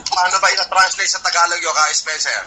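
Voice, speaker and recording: A man chatting on a video call, soft-spoken and jokey, dropping English phrases into his talk. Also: high-pitched, steady tone, brisk, noisy background. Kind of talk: casual video call chat.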